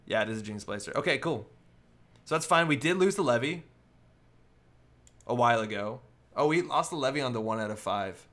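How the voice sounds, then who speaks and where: A man's voice: medium pitch, expressive, fairly quick, pauses often, a bit bright. Man thinking aloud over a card game. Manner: thinks aloud, working through plays step by step. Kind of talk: live casual game commentary.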